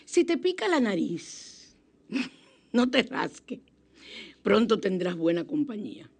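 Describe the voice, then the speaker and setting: A woman radio host, giving spiritual self-help advice in a chatty, expressive way with sudden exclamations. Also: medium pitch, takes it slowly, creaky, breathy edge. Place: radio studio.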